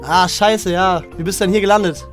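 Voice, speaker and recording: Excitable young male streamer, music behind. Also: sits high, fairly quick. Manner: slangy, excitable. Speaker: streamer, host. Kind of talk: casual livestream chat and reaction. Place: small indoor streaming room. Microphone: close desk studio microphone.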